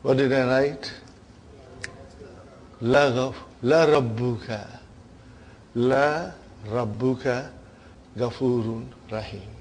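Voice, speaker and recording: A man's voice: medium pitch, takes it slowly, pauses often, darkish tone, a little hiss or hum. A man teaching an Arabic grammar lesson, engaging his class with frequent check-in questions and addressing them as brothers and sisters.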